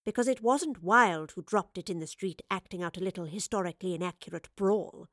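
A woman voicing a composed woman professor who speaks in a cool, clipped, measured way. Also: fairly low pitch, fairly bright tone, no echo, studio quality, natural voice. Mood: cheery. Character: composed, stern woman professor, dry and unflinching.

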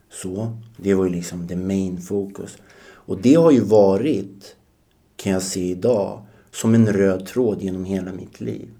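A man's voice: sits low, vocal fry, warm tone. A man in his forties, a podcast guest telling his life story in a reflective way, often hesitating. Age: 40s. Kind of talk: personal storytelling.

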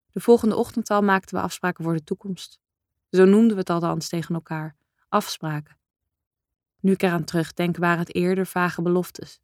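A woman reading a first-person novel aloud in a calm, measured, introspective way. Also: on the low side, no echo, studio quality. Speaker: audiobook narrator. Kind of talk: first-person literary narration.

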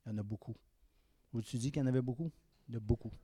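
A man in his fifties with a Québécois French accent delivers a sermon, alternating between loud exhortation and soft, confiding asides. His voice is husky and medium-pitched, he talks very fast, and there's no room sound.

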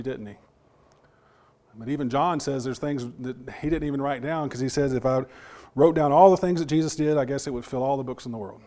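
A man's fairly high, darkish voice carries a sermon to his congregation, though it is partly lost and only recovering. He speaks in a broken rhythm, repeating words and asking the people questions.

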